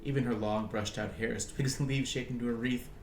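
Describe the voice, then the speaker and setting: A man streaming a game, reading its narration aloud in an animated way with frequent chuckles. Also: medium pitch, quick pace, vocal fry, roomy sound, a little hiss or hum.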